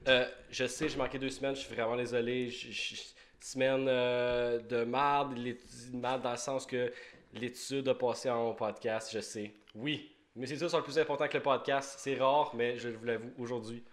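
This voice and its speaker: A man's voice: mid-range voice, steady tone, moderate pace. A young Québécois man chats on his homemade podcast. He rambles, restarts his sentences and repeats words. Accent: Québécois French. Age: young adult. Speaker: podcast host. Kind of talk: casual podcast chat. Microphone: home podcast mic.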